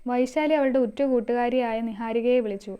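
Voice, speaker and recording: A woman's voice: on the high side, fairly even intonation, a little fast, smooth, muffled recording. A woman narrating a scripted story, reading all the characters herself. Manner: reads all characters herself, mostly in her own voice.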